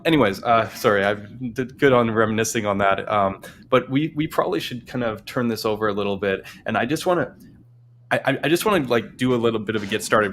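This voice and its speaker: A man's voice: fairly low pitch, a bit bright, a little hiss or hum. A man hosting a casual tech livestream, rambling with many restarts and fillers. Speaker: livestream host.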